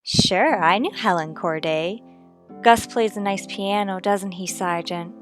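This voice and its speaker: For an old-time radio detective drama, a woman plays a piano saleswoman who is wistful, reluctant, subdued and hesitant. Her natural voice is medium-pitched and unhurried.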